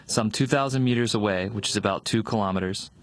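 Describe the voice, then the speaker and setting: A man's voice run through an electronic disguise, sitting low and deep. He gives a soldier's testimony in a plain, matter-of-fact way, quoting the orders word for word. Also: quick pace. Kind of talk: recounting events in a recorded testimony clip.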